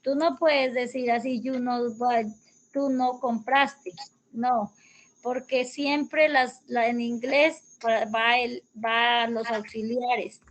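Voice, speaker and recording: A woman's voice: on the high side, steady tone, slow pace, rough recording. A woman teaching English grammar over a video call, explaining patiently step by step. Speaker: English tutor.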